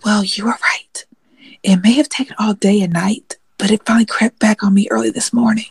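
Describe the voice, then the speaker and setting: A woman's voice: medium pitch, fairly even intonation, fast talker, vocal fry, darkish tone, breathy edge, no echo. An actress playing a frank, nervous young woman who talks herself through things in an audio drama, sometimes whispering. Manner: blunt, self-talking, whispers on the phone. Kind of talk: audio drama inner monologue.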